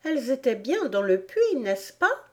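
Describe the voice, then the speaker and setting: A woman's voice: high-pitched, sing-song, unhurried, a little mellow, voice pushed up. A woman voicing an earnest, inquisitive young girl with an eager, questioning tone in an audiobook. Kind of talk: audiobook character voice.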